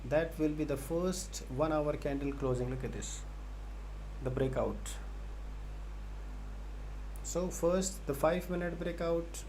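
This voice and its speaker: A man's voice: fairly high pitch, slow, long pauses, darkish tone, a little hiss or hum. A man giving live market commentary, talking to viewers and often repeating himself. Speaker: live stream host and trading analyst.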